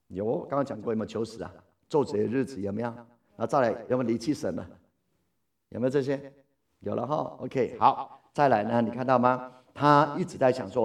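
A male Bible teacher talks through a scripture passage, firing questions at his listeners and answering them himself. His voice sits mid-range and sounds a little distant from the microphone. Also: medium pitch.

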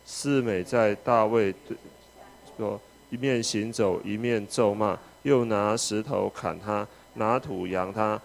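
Gravelly low-voiced man reading scripture. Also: slow pace. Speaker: scripture reader.

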